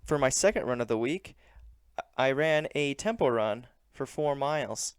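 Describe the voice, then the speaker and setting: A man narrating a vlog recap as a vlogger, in a plain, measured and earnest way. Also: medium pitch, animated, clear, resonant tone, no room sound, clean studio sound. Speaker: running vlogger.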